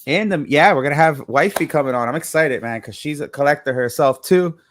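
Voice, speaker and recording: A man's voice: on the high side, fairly quick, a little hiss or hum. A man hosting a casual live-stream chat, upbeat, greeting guests and reading comments over a video call. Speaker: host.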